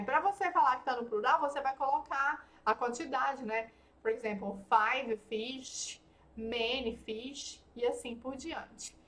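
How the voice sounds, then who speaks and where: Woman, English teacher, high voice, slow and patient, repeats words. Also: a bit bright. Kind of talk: online language lesson.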